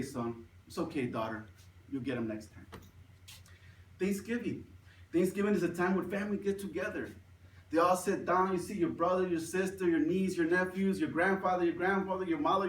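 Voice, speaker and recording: A man's voice: on the high side, slight background noise. Earnest forty-year-old man speaking in an echoey room. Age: 40s. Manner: earnest, repeats words often. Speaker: club speaker. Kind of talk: prepared speech. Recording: echoey room, mic far off.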